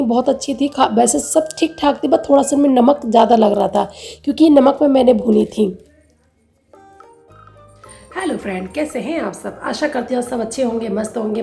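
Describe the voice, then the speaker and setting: A woman's voice: fairly high pitch, vocal fry, dark tone, echoey room. A woman chatting casually through a home vlog with a rambling, homely way of giving advice. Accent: Hindi, north Indian. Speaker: vlogger. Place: home kitchen.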